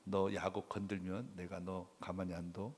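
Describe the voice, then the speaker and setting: A man voicing God as a gruff male protector who bluntly threatens a bully in slangy, tough talk. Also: deep voice, level tone, normal speed, darkish tone, long reverb tail, voice pushed down. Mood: threatening.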